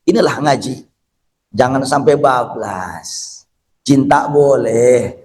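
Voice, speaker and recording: A male preacher who tells a story in a sermon, jumps between hushed lines and sudden shouts, and keeps asking the audience questions. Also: medium pitch, slow, slight background noise. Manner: addresses the audience directly and often.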